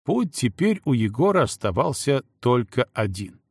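A man reading an audiobook in a measured, dramatic way. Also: medium pitch, big pitch swings, breathy edge, dry recording, clean studio sound. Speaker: audiobook narrator. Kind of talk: audiobook narration.

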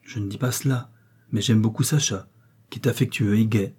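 A man voicing a timid, gentle young wife in a novel reading, speaking softly and pleadingly. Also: lowish voice, steady tone, normal speed, slightly rough. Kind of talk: audiobook character reading.

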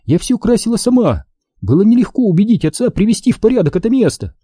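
A man voicing a lively, bossy young woman who runs a café, emphatic and exasperated, in an audiobook. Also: high voice, fast talker, husky, no echo, clean studio sound, voice pushed up, heavily acted. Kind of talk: audiobook character voice.

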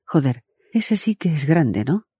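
A man's voice: fairly high pitch, sing-song, a little slow, a little mellow, breathy edge, dry recording, studio quality, voice pushed up, exaggerated voice. A man voicing a blunt, demanding man calling over a radio in an audiobook. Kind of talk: audiobook character voice.

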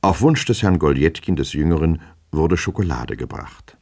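A male narrator with a very deep voice reads a classic novel aloud. His delivery is measured and expressive, paced for storytelling. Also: gravelly, slightly rough. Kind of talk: audiobook reading.

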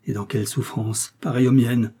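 Dying villain, feverish and gloating, shouting his triumph, read by a man; husky, storybook audiobook. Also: medium pitch, steady tone, brisk, lightly acted. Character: dying, vengeful male criminal, gloating and feverish.

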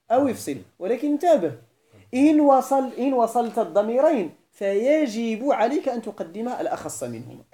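A man's voice: sits high, dark tone. A man with a Moroccan accent lecturing on Arabic grammar, switching between classical Arabic and Moroccan dialect and often checking that his students follow. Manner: keeps checking the class understands. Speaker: Islamic scholar teaching Arabic grammar.

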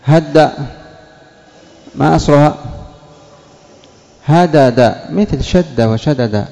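A man, a sheikh, teaching a morphology lesson: he puts questions to students and answers them, stretching out example words slowly. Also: fairly high pitch, gravelly, mellow, long reverb tail. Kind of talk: classroom lesson explaining word roots.

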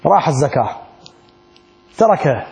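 A man's voice: on the high side, sing-song, moderate pace, gravelly, a little mellow. A middle-aged man with an Iraqi Arabic accent teaching a religious law class, asking the students questions and acting out little exchanges. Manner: asks the class rhetorical questions and acts out little dialogues. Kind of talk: classroom lesson on Islamic law.

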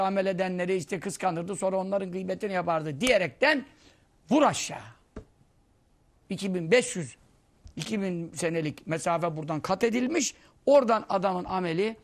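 A man giving a conversational religious lesson, telling anecdotes and acting out the people he quotes. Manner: storytelling, acting out quoted voices, lively swings in pitch and loudness. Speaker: Islamic preacher teaching hadith.

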